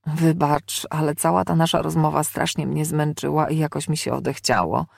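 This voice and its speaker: A woman's voice: deep voice, steady tone, normal speed, vocal fry, slightly rough, no room sound, heavily acted. A woman voicing a wry, tough young demon hunter who talks with dry sarcasm. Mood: sardonic. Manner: dry, sardonic.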